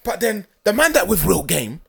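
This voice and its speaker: A man's voice: high voice, big pitch swings, moderate pace, creaky, breathy edge. A young man with a London roadman accent hosting a podcast with casual, slang-filled banter, often repeating his phrases. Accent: London roadman, multicultural London slang. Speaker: podcast host.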